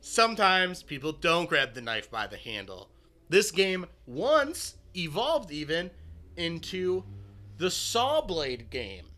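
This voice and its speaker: Bright, lively-voiced man chatting. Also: a little high. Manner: profane, rambling storyteller with quick asides. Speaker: podcast co-host. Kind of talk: casual chat.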